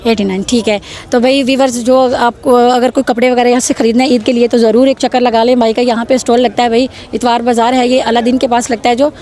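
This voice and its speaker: A woman's voice: a little high, flat delivery, quick pace, few pauses, mellow. A woman with a Pakistani accent hosting a market vlog outdoors, selling the goods to viewers in repetitive patter that urges them to come and buy. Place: outdoor street bazaar.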